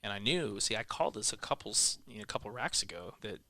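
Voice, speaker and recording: A man's voice: on the low side, lively intonation, quick pace, sharp tone, no echo. A man doing casual pool commentary, chatty and laughing often.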